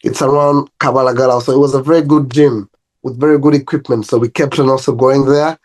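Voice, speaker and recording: A young Ugandan man with a mid-range voice speaks fairly quickly in his Ugandan accent. He's a personal trainer appearing as a guest in a casual interview, chatting easily and telling relaxed stories full of laughs and restarts.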